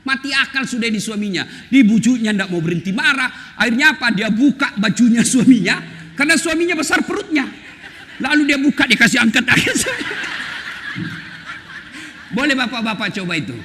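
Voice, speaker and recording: A man with a very high, bright, forceful voice preaches with jokes and teasing asides to the women listening. He sounds echoey, as if in a large hall, with faint ambient noise behind him. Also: animated, fairly quick. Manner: joking, teasing, addresses the women in the audience. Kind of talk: humorous sermon.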